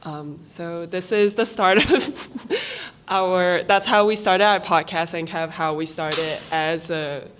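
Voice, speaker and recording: A woman's voice: fairly low pitch, expressive, slow, a bit bright, slight background noise. A woman co-hosting a podcast, talking unscripted and a little hesitantly in front of a live classroom audience. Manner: hesitant, many "um"s. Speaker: podcast co-host.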